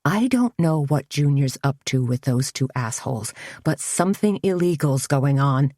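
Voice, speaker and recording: A woman voicing Tony, a wisecracking middle-aged woman friend in an audiobook mystery, playful and quick. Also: very deep voice, lively intonation, mellow, no echo, clean studio sound. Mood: fuming. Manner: wry, exasperated, fiery. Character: feisty middle-aged woman caught in a jam, joking.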